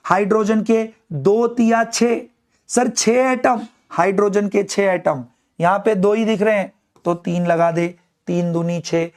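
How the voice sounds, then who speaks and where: A male chemistry teacher with a notably high voice, running a lively online class. He jokes with his students, acts out their questions, and slows right down to dictate English phrases one word at a time. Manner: playful, calls students "my child", mock dialogues with students.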